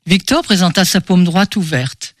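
High-pitched male audiobook narrator. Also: lively intonation, moderate pace, no echo, studio quality.

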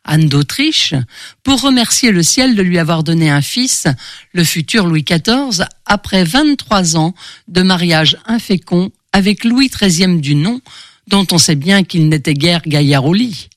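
A woman's voice: fairly low pitch, expressive, measured pace, dry recording, clean studio sound. A woman voicing a wry, knowing male journalist who teases his friend.

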